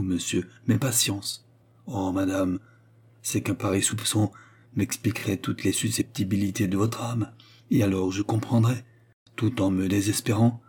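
Man doing a low pleading cardinal. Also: mellow, slightly rough. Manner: earnest, pleading, courteous. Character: pleading courtly male cardinal. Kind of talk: audiobook reading.

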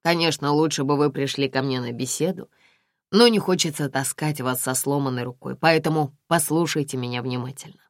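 Woman reading a formal, dry police investigator, low measured voice, close and dry audiobook sound. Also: no echo. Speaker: audiobook reader.

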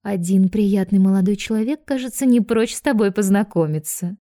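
A woman's voice: mid-range voice, normal speed, warm tone, close to an everyday voice. Woman doing a flustered, fussy grandmother. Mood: wistful. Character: flustered kindly grandmother, guilty and shy.

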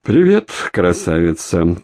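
A man reading an audiobook, voicing a calm, mocking male captor in an unhurried way. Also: deep voice, dry recording, clean studio sound, full character voice.

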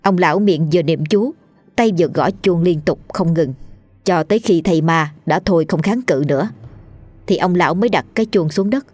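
A woman with a Southern Vietnamese accent narrating a ghost story in a lively, colloquial storytelling manner. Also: lowish voice, normal speed, no echo, faint music behind.

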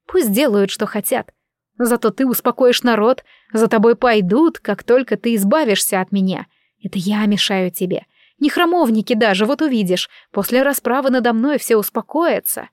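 A woman voicing a proud, quick-tempered young queen who speaks emotionally in an audiobook. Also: on the high side, a little mellow, no room sound, studio quality, lightly acted. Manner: emotional, impassioned.

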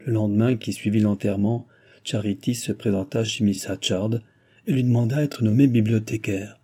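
A man narrates a novel in a steady, measured reading. His voice is low, very dark and somewhat husky. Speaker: audiobook narrator.

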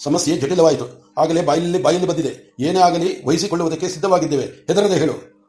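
A man reading the lines of a calm, gentle male sage who asks patient, mild questions. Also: a little high, fairly quick, roomy sound, close to an everyday voice.

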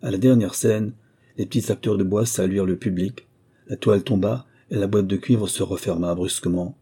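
Male fairy-tale narrator, low, very dark and husky, calm measured delivery. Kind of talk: scripted audiobook narration.

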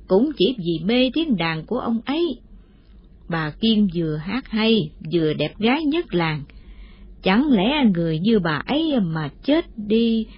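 A woman's voice: mid-range voice, breathy edge. A woman voicing a chatty old village woman who rambles through her story with plenty of fillers. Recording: muffled lo-fi audio.

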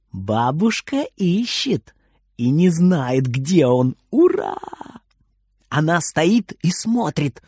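A man reading a children's storybook aloud in a lively, expressive way. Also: on the high side, husky, no echo, clean studio sound. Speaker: narrator.

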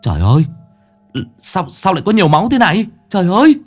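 A man's voice: sits low, lively intonation, normal speed, faint music behind. A man voicing a timid young man who stutters when he is frightened. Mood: terrified. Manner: stuttering, jumpy.

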